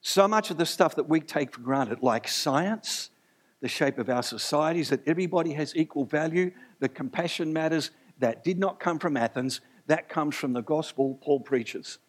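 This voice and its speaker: A man's voice: a little high, normal speed. Chatty, joking male preacher. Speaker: pastor. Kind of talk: sermon. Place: church before a live congregation.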